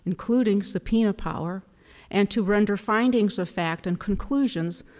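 A woman attorney delivering a formal oral argument to a court in a deliberate, emphatic manner. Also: medium pitch, a little mellow. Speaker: appellate attorney. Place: large courtroom. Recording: reverberant hall.

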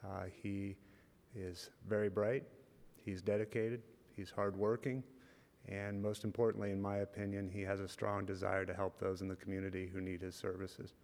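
A man giving a formal recommendation speech with measured, deliberate phrasing. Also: sits low, level tone, darkish tone. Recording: echoey hall.

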